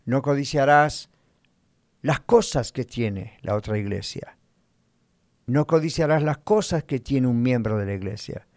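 Slow, deliberate man preaching a sermon. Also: mid-range voice, darkish tone, dry recording, clean studio sound. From Spanish-speaking, living in the United States. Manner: slow, deliberate teaching with rhetorical questions. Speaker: pastor. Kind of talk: sermon teaching.

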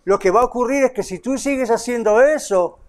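A man's voice: extremely high pitch, fairly quick. A man preaching an emphatic sermon, addressing listeners in church and on radio, sometimes voicing God's words. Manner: emphatic preaching, speaks as God in quoted lines. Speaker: pastor. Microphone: broadcast on radio and online.

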